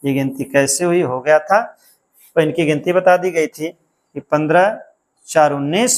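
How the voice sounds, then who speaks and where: A man's voice: fairly high pitch, measured pace. A man teaching an exam-prep grammar lesson, explaining step by step and repeating key counts and sounds aloud.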